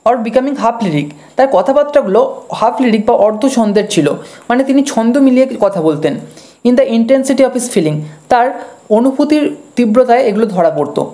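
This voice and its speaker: Woman teacher with a warm, mellow, fairly high voice. Reads each English line slowly, then explains it quickly. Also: lively intonation. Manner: patient, explanatory. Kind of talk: line-by-line text explanation lesson.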